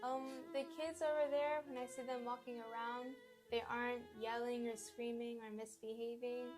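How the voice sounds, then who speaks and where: A woman's voice: fairly high pitch, little pitch movement, normal speed, over music. A young female interviewee answering questions in a casual, chatty way.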